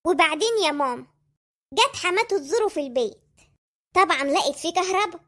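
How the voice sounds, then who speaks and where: A woman's voice: extremely high pitch, lively intonation, fast, fairly bright tone. A woman voicing a cheeky, boastful young boy in an Egyptian cartoon, with an Egyptian Arabic accent. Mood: eager telling. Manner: boastful, chatty. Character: cheeky clever young boy, mother's son.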